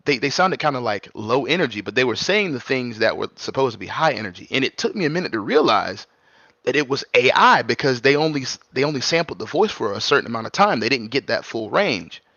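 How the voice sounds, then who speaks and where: A laid-back male podcast co-host with a gravelly edge to his voice, telling stories in casual chat. The recording sounds dull and dry, with little room sound. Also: mid-range voice, big pitch swings, fast, bright, forceful tone, dry recording. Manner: laid-back, says "y'all", storytelling asides.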